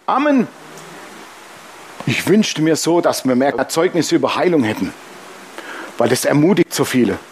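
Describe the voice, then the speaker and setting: A man's voice: fairly high pitch, big pitch swings, moderate pace, long pauses, slight background noise. A man preaching a sermon as pastor, emphatic and humorous, often calling out "Amen".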